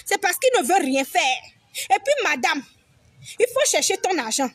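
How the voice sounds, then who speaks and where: A woman's voice: extremely high pitch, big pitch swings, normal speed, fairly bright tone, dry recording. A young woman from Togo, giving blunt, repetitive, preachy advice straight to her viewers and swearing freely. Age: young adult. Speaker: vlogger. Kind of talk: direct-to-camera advice monologue.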